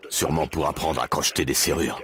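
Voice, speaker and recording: A man playing a gruff, world-weary mercenary detective in a video game, speaking in terse, dry, sardonic lines. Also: rumbling low, steady tone, fast, fairly bright tone. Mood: dry, guarded. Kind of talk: video game acting, French dub.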